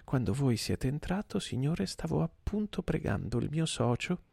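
A man's voice: on the high side, sing-song, moderate pace, gravelly, mellow, husky, dry recording, clean studio sound, pitched above the performer's own voice, heavily acted. A man voicing a fawning, hypocritical male clerk who speaks with insolent, oily humility. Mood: insinuating. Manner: oily, falsely humble.

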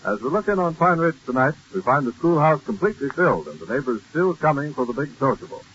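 A man with a slightly high, fairly bright voice works as a radio announcer, reading scripted narration and sponsor messages fast and very animatedly in 1930s broadcast style. The audio sounds like a dull 1930s radio broadcast, with faint music and slight background noise.

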